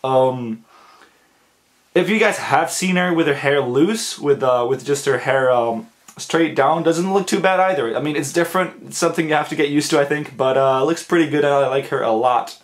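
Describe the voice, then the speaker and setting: A man's voice: fairly high pitch, normal speed. A man talking casually to his viewers, stammering and repeating words with lots of fillers, getting emphatic and crude in his slang. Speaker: anime vlogger. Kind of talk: casual ranking monologue to camera.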